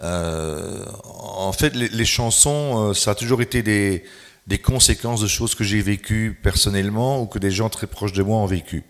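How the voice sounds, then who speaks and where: A man's voice: on the low side, normal speed. A man from Belgium, a singer and writer, speaking candidly as a guest at a public book fair talk.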